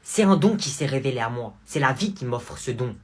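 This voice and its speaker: A man with a husky voice playing a boastful boy who proudly declares he will quit school to become a painter, in a comedy skit. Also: medium pitch, lively intonation, fairly quick. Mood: grandiose. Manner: grandiose, self-important declarations.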